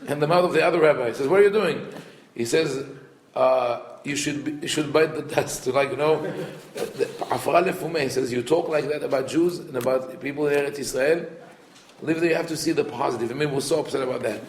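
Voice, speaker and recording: A rabbi teaches in a relaxed, conversational way, often restarting his sentences as he explains old texts. His voice is a man's voice, middle in pitch. The room around him is echoey. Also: a little hiss or hum. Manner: conversational, restarts often, reads Hebrew quotes quickly then translates. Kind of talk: informal Torah lesson.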